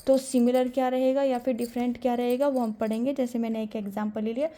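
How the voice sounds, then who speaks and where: Lady teacher explaining grammar, soft warm voice, keeps asking and answering her own questions. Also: a little high, level tone, fast talker. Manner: asks questions and answers them herself.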